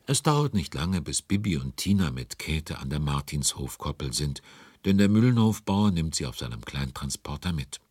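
An actor playing a genial storyteller narrating a children's audio drama, conversational and wondering aloud in a husky voice. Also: male voice, big pitch swings, moderate pace, a little mellow, dry recording, full character voice. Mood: storytelling. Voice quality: deep, husky. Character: genial male storyteller commenting on events.

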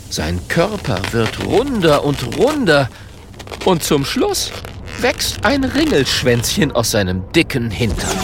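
A man narrating a children's audiobook in a slow, expressive storytelling manner. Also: a little high, vocal fry, noisy background.

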